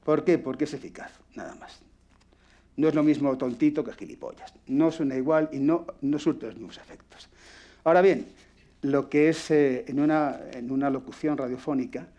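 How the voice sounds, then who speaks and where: A man's voice: a little high, normal speed, mellow, dull audio. A man with a Peninsular Spanish accent teaching a radio acting workshop, blunt and foul-mouthed, demonstrating as he talks. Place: workshop room with microphone.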